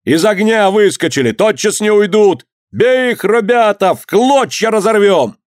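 Man voicing an angry mob, shouting, high pitch, dry close sound. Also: animated, a little slow, no room sound. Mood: furious. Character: angry crowd of townsmen shouting.

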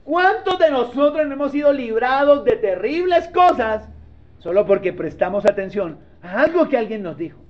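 A man's voice: extremely high pitch, very animated, moderate pace. A male pastor giving a conversational sermon, often asking his listeners to agree and acting out short dialogues, in a dull lo-fi recording. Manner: acts out little dialogues.

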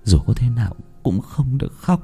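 A man voicing a gentle, grieving mother who speaks softly and pleadingly in a dramatic story reading. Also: medium pitch, expressive, normal speed, vocal fry, breathy edge, soft background music, full character voice. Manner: soft, pleading.

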